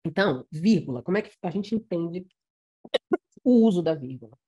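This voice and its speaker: Husky, slightly hoarse woman teacher. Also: lowish voice, lively intonation, moderate pace, mellow, lo-fi sound. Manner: playful, chatty, teasing asides. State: coughing, a bit hoarse. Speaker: Portuguese writing teacher. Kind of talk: casual, humorous grammar lesson.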